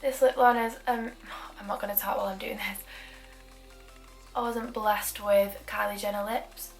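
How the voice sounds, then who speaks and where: Soft music plays behind a young beauty vlogger with a Manchester accent as she chats her way through a makeup tutorial. She pokes fun at herself now and then, speaking at a normal speed in a mid-range voice with a flat delivery.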